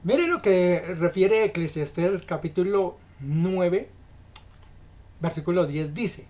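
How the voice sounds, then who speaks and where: A woman preaching an evening sermon in a low voice that swings widely between soft passages and loud, stressed ones. She reads scripture aloud and explains it emphatically, pressing her listeners with direct rhetorical questions. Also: expressive, takes it slowly.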